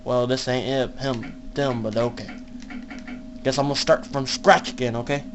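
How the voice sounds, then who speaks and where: A young man casually commenting on a game he is playing, laughing a lot and shouting in panic when scared. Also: medium pitch, fairly even intonation, normal speed, slight background noise. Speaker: gamer.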